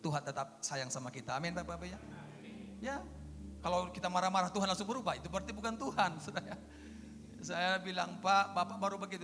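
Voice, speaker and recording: A pastor in his fifties preaching a sermon in a church hall, moving from quiet storytelling to loud exclamations of praise. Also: high voice, noisy background. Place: church hall with music playing. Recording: long hall reverb with music.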